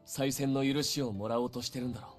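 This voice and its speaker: Man acting an earnest, quick young samurai. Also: medium pitch, steady tone, soft background music, lightly acted. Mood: serious. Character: earnest young samurai page, curt and dutiful. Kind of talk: Japanese visual novel voice acting.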